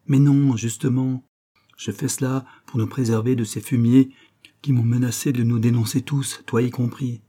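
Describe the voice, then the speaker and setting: A man's voice: medium pitch, little pitch movement, normal speed, mellow, slightly rough, close to an everyday voice. A man reading an audiobook and voicing a doctor who defends himself, pleading and combative. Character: Louis, doctor defending himself, moody and stubborn.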